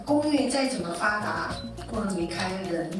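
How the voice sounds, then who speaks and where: A woman's voice: medium pitch, lively intonation, moderate pace, heavy reverb, distant mic, music in the background. A woman making informal remarks at a meeting, thinking aloud.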